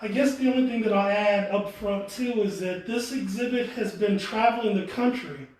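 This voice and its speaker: A man's voice: high voice, moderate pace, a little mellow. A man speaking casually as a tour guide, showing visitors around. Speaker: exhibit tour guide and co-curator. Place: indoor art gallery. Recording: echoey indoor room.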